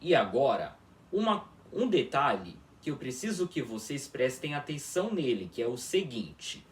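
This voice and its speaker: A man teaching a formal video lesson on an invented language, repeating words slowly and often checking that listeners follow along. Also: medium pitch, sing-song, slight background noise. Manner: slow, repetitive, checks in with listeners constantly. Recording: echoey room, voice from far off.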